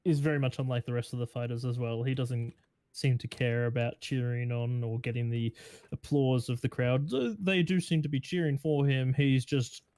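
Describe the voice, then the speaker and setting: A man's voice: medium pitch, fairly even intonation, normal speed, darkish tone, no echo. A man narrating a tabletop role-playing game as game master.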